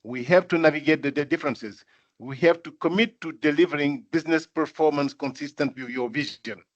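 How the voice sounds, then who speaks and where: An older man from Senegal giving a speech at a corporate event, talking in a measured way, with many fillers and repeated phrases for emphasis. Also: on the high side. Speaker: guest speaker. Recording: dull lo-fi sound.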